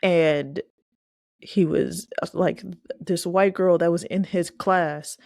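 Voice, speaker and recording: A woman co-hosting a casual movie review podcast, chatty and quick to laugh. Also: lowish voice, fairly even intonation, gravelly, darkish tone, dry recording, clean studio sound. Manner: chatty, laughing, acts out quoted lines. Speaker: podcast co-host.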